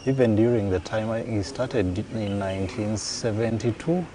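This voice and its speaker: A man in his forties with a Ugandan English accent, an interview guest recalling his family and schooling in a measured way, pausing to correct himself. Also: fairly low pitch. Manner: measured, recalls details with pauses and self-corrections. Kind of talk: casual interview conversation. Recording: faint background noise.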